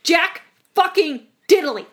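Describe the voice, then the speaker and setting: A woman hosting a podcast from home in casual chat, blunt, bossy and quick to swear. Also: very high voice, animated. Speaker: podcast host.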